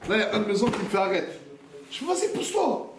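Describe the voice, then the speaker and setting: Emphatic high-voiced man in a roomy space. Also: little pitch movement, very fast, distant mic. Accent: French slang with Arabic loanwords. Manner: emphatic, acts out shouts and crying in the retelling. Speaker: streamer telling a story on a live. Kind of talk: casual storytelling among friends. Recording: roomy live stream audio from off-mic.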